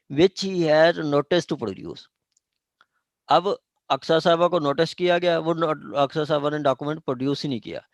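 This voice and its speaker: A law lecturer with a Pakistani accent explains his subject haltingly, repeating and rephrasing points and checking that his students are following. His voice is fairly high-pitched, and the recording is dry.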